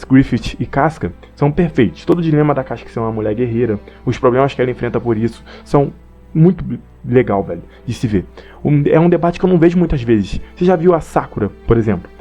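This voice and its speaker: Young man, Brazilian accent, quick speech, mellow tone, faint music underneath. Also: medium pitch, expressive. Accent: Brazilian Portuguese. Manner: slangy, rambling, reads from notes. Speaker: anime commentator. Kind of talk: casual opinion monologue.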